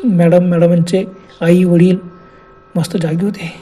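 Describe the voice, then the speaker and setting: A man's voice: high voice, little pitch movement, a little slow, warm tone, a little hiss or hum. A man narrating a horror story in a dramatic, exclamatory way.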